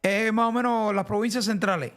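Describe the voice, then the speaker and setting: A man's voice: high-pitched, steady tone, fairly quick, a bit bright. A man with a central Cuban accent, chatting casually and rambling on a live game stream. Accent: central Cuban Spanish. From central Cuba. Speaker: streamer host.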